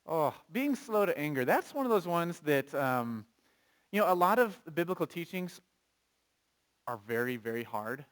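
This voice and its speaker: Speaking at a moderate pace in a fairly high voice, a male pastor delivers his sermon in a lively, conversational way. He puts questions to the congregation and reads passages of scripture aloud.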